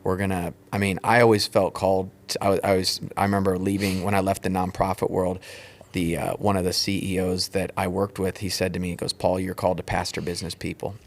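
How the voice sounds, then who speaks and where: A man's voice: sits low, level tone, a little fast, gravelly. A man co-hosting a podcast, chatting casually with some teasing banter. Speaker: podcast co-host. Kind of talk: casual chat.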